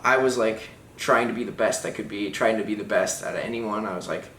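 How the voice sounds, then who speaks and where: A young man telling his side of a story in a casual couple's chat, relaxed and rambling, with lots of "like". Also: lowish voice, a little fast, a little hiss or hum. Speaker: vlogger, BMX rider. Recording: echoey room.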